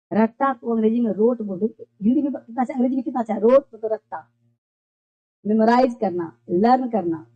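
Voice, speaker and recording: A teacher giving a classroom-style lesson who keeps repeating points and asks and answers their own questions. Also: medium pitch. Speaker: English teacher. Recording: dull lo-fi recording.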